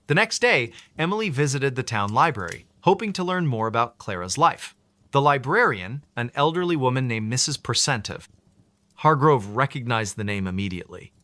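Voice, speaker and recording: A man's voice: mid-range voice, bright, forceful tone, no room sound. A man narrating a scripted horror story with dramatic, suspenseful delivery.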